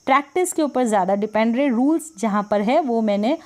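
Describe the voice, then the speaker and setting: Female teacher, higher mellow voice, patient drilling of spelling sounds. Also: lively intonation. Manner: patient, repeats words slowly and drills them. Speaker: English teacher. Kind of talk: spelling and pronunciation lesson.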